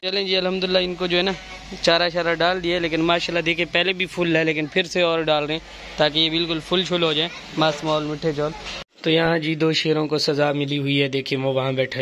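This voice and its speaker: A man talks his way through a family vlog outdoors. His voice sits fairly high, and he chats in a loose, teasing way. Loud traffic and street noise run under everything he says. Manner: chatty and teasing, joking banter. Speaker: family vlogger and father. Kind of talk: casual vlog narration. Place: outdoors on busy streets, moving about.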